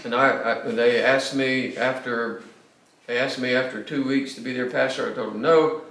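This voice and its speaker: A man's voice: medium pitch, steady tone, moderate pace, fairly bright tone, far from the mic. An older man, a pastor giving a classroom lecture with anecdotes, emphatic and often restarting his words. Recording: echoey classroom.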